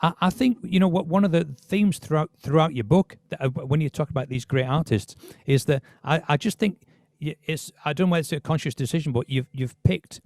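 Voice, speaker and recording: A man's voice: a little high, a little fast, a little mellow, no echo. A man hosting a podcast, talking casually about music with many restarts. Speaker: podcast host.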